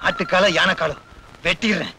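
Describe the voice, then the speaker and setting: An actor playing a sly comic swindler full of whining excuses, in a film with music behind. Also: male voice, high voice, brisk, gravelly, low-quality recording. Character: wily comic swindler husband.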